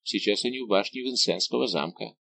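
A man reading an audiobook voices a deferential castle keeper who answers in a low murmur. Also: a little fast, vocal fry, fairly bright tone, no room sound. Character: fawning, anxious male castle keeper.

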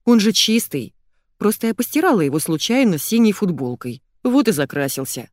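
A woman's voice: mid-range voice, sing-song, fairly quick, darkish tone, no echo, clean studio sound, pitched above the performer's own voice, close to an everyday voice. A woman doing whiny plump married woman. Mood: whining. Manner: whining, plaintive. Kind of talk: audiobook character reading.

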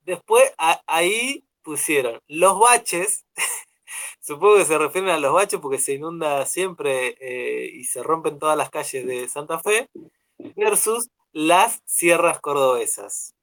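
A young man with an Argentine accent co-hosting a casual radio chat show, rambling and relaxed with many fillers. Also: on the high side, takes it slowly. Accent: Argentine Spanish. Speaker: radio co-host.

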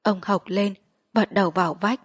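A woman narrating a literary short story in a measured, steady reading voice. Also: medium pitch, slightly rough, dry recording.

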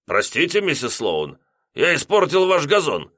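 A man's voice: a little high, wildly swooping pitch, unhurried, bright, forceful tone, no room sound, clean studio sound, pitched above the performer's own voice, exaggerated voice. A man voicing a drunk, giggling heavyset lodger who talks in a silly, drawling way. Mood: tipsy.

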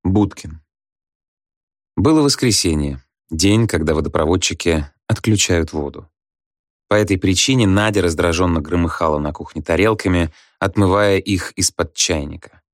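Male narrator, deep voice, dead-dry booth sound, measured audiobook reading. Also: no room sound. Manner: dry, even, low reading.

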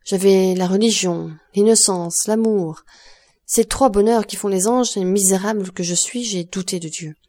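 A woman's voice: mid-range voice, normal speed, dark tone, lightly acted. A woman reading the part of a grieving woman near forty who speaks in sorrowful, self-accusing pleas. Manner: sorrowful, pleading. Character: grieving woman of thirty-nine, broken by guilt.

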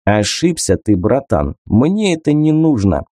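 A man's voice: medium pitch, very animated, a little slow, dark tone, no echo. Man reading a dry, sardonic young male officer. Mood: firm.

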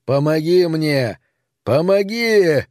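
A man voicing a terrified adult man lost in a void, shouting and pleading in an audiobook. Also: on the high side, animated, slow, dry recording, studio quality, pitched above the performer's own voice. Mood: frantic. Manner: shouting, frantic.

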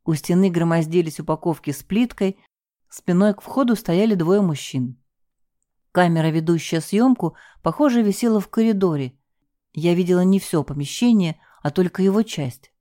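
Brief: expressive woman narrator, first-person story, warm dark voice. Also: on the low side, moderate pace, no room sound, clean studio sound. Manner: lively, expressive reading. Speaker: audiobook narrator.

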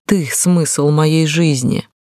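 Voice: medium pitch, very slow, mellow, dry recording, studio quality. A reader voicing a devoted young woman in an audiobook, tender and pleading. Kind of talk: audiobook reading.

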